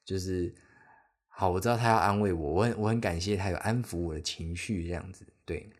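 A young man from Taiwan speaks in a low, deep register with a Taiwanese Mandarin accent. He hosts his own podcast alone, wandering through a travel story and often losing his train of thought. He pokes fun at himself in a loose, chatty way. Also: a little fast. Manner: rambling, self-deprecating, chatty. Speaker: podcast host. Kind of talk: casual solo podcast storytelling.

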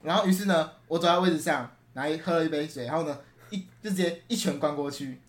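A man's voice: on the high side, fast. A young man telling a rambling school story in casual chat, restarting often and laughing as he talks.

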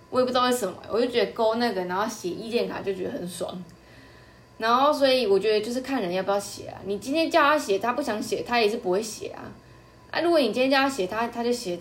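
A woman's voice: mid-range voice, slight background noise. A young woman from Taiwan, hosting a podcast and chatting casually, telling a story and acting out the customers' lines. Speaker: podcast host.

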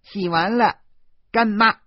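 A man reading a storybook, voicing a bold, stubborn little girl in a high childish voice. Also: slow, no echo, highs cut off. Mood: eager.

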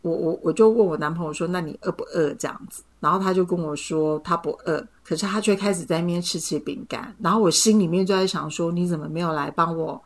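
A woman's voice: on the low side, fast, hardly any pauses. A woman in casual podcast chat, telling a personal story and acting out what was said. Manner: storytelling, acts out quarrels.

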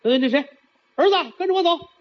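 A man voicing an older dragon mother, a protective figure who gives brisk, indignant commands. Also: very high-pitched, pitched above the performer's own voice. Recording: dull lo-fi recording.

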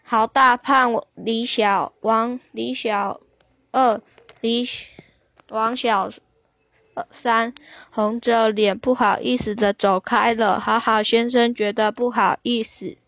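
Gentle woman storyteller for kids, unhurried, fairly high voice. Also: fairly even intonation, dry recording. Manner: gentle, slow, warmly explaining to children. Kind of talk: children's story reading.

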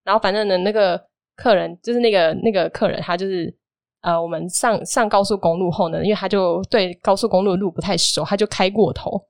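A woman's voice: mid-range voice, a little fast, no room sound, clean studio sound. A woman, casually recounting a personal story on a podcast and acting out the dialogue. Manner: lively storytelling, animated retelling of dialogue. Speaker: guest telling a personal story.

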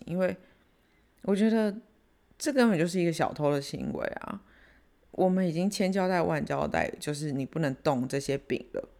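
A woman with a Taiwanese accent hosting a casual podcast, retelling a family story in an animated way and switching into Hokkien. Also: low-pitched. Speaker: podcast host.

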